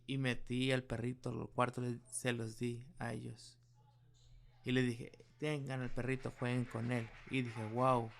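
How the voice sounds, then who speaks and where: A man's voice: mid-range voice, vocal fry. A middle-aged male pastor preaching a sermon, telling a personal story in an earnest way.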